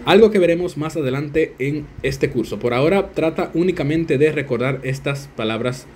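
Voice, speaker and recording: A man casually hosting a language lesson, chatty and self-deprecating, slowly sounding out foreign words. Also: on the high side, expressive, a little mellow, slight background noise. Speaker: language learner and video host.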